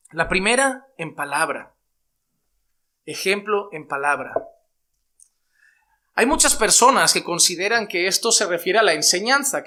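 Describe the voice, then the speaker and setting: High, bright-voiced preacher. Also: male voice. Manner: emphatic, shifts between loud exhortation and quiet asides. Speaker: pastor. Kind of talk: sermon.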